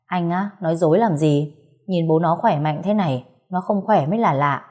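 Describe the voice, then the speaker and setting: A woman's voice: lowish voice, normal speed, darkish tone, close to an everyday voice. A woman voicing a doting young husband who jokes and boasts to his wife in an audiobook story. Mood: reassuring. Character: doting joking young husband, tough man.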